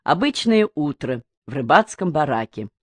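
A woman reading a novel aloud as an audiobook narrator, in an even, measured way. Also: low voice, no echo, clean studio sound. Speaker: audiobook reader.

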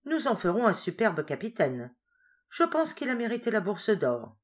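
A woman voicing a stern caliph who declaims his judgments loudly in a storybook reading. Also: medium pitch, sing-song, normal speed, pitched above the performer's own voice, close to an everyday voice. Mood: declaiming. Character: stern, pleased middle-aged caliph.

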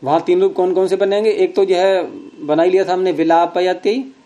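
A man teaching a grammar class, explaining rules patiently, quizzing students with questions and teasing them gently. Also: sits high, fairly even intonation, normal speed.

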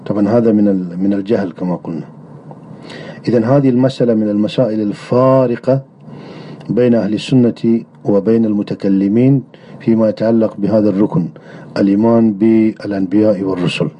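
A man delivering a religious lecture on creed in a measured way, often pausing on drawn-out hesitation sounds. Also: lowish voice, fairly even intonation, breathy edge. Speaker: religious teacher. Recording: dull lo-fi recording.

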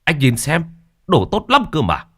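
A man voicing an elderly village coffin maker who tries to calm an angry neighbor. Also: a little high, a little slow, pitched above the performer's own voice, exaggerated voice. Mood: placating. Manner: soothing, defensive.

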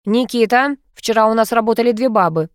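A woman's voice: a little high, fairly quick, no room sound, clean studio sound, voice pushed up, natural voice. A woman voicing a brash, sarcastic young man who makes demands and mocks people, read as part of an audiobook. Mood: demanding.

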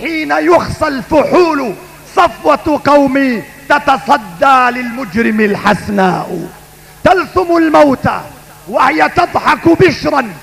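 Booming, high-pitched male preacher in a hall. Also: creaky, a bit bright. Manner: booming, epic declamation with repeated lines; oratorical, emphatic, exhorting. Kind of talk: fiery sermon with declaimed poetry. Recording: long hall reverb.

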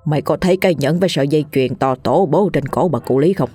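A woman's voice: low-pitched, quick pace, warm tone, breathy edge, soft background music. A woman voicing a hot-tempered old male village thief who is coarse and bossy. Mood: scheming.

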